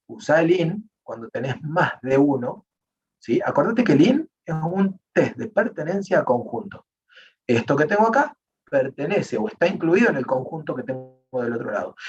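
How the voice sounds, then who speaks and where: Rioplatense man teaching a coding class. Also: mid-range voice. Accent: Rioplatense Spanish. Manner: explanatory, checks in with frequent "¿sí?". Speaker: programming teacher. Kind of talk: online class, live coding. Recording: distant, muffled online class audio.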